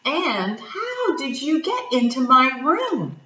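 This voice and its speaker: A woman's voice: sits high, very animated, slow pace, echoey room, distant mic, muffled recording, over a noisy crowd, pitched above the performer's own voice, heavily acted. A woman voicing a young boy who is upset and stubborn, reading a storybook aloud. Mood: worried. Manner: pleading, then shouting.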